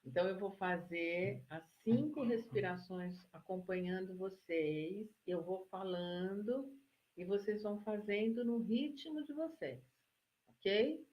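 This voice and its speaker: A Brazilian woman who works as a psychologist, giving a live-stream relaxation lesson and talking listeners through slow breathing in a soothing way. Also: medium pitch, dull audio. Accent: Brazilian Portuguese. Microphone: phone or laptop mic for a live stream.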